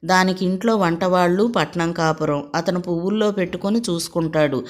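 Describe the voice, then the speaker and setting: A stern aging mother from a village household scolds her grown daughters, bitter and sorrowful at once, as a woman narrator reads her. The voice sits low and stays close to plain storybook reading. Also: steady tone, brisk, close to an everyday voice. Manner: scolding, lamenting.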